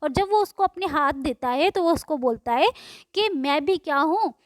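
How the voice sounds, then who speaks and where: Studio-quality audio with no echo captures an expressive woman teacher whose voice sits high. She explains a poem line by line, reading the English slowly before explaining in Hindi and answering questions she asks herself.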